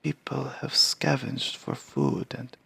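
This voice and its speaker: A man doing a slow, whispery old giant scribe. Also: mid-range voice, vocal fry, breathy edge, no room sound, voice pushed up, exaggerated voice. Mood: hushed, measured. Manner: slow, soft, half-whispered delivery. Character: old male giant Varl scribe, calm and wise.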